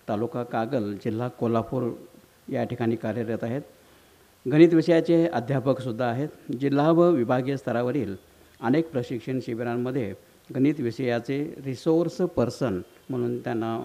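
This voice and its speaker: A man reads a formal introduction of a guest speaker, listing achievements in a steady way. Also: mid-range voice, normal speed. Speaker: event host introducing the speaker. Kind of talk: formal introduction read from notes.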